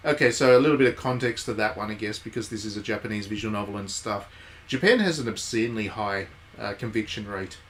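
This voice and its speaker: A man streams a game live, giving casual, chatty commentary with wry asides and reading the game text aloud. His voice is fairly low and fairly bright, he talks at a quick pace, and there's a little hiss or hum.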